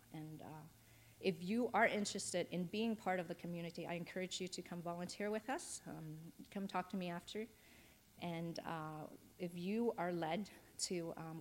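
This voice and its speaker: A woman from a charity speaking to a church congregation, inviting volunteers in a gentle, hesitant way with many pauses. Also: fairly low pitch, a little hiss or hum. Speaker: charity representative. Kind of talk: church announcement and appeal. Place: church hall.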